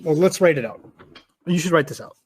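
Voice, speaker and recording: A man patiently teaching Arabic grammar one-on-one, repeating key points and acting out quick example arguments. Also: a little high, animated, husky.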